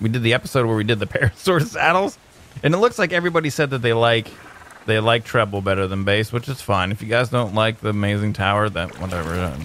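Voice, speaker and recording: A young man giving excitable let's-play commentary, yelping and joking at the animals. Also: medium pitch. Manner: excitable, yelps and jokes at the animals. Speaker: gaming YouTuber.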